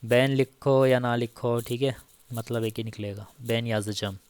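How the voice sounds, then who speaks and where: A male teacher talks through a casual grammar lesson at an unhurried, deliberate pace. His voice is smooth and resonant. He repeats each example patiently, and the recording is dry and close. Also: mid-range voice, fairly even intonation, a little mellow, no room sound. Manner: slow, repeats each example with frequent "theek hai". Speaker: Turkish language teacher.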